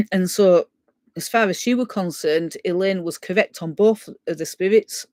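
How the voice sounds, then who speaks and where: A woman tells a ghost story in a casual way, often clearing her throat and acting out the voices of the people she quotes. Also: fairly low pitch, unhurried, dark tone, dry recording. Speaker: guest storyteller.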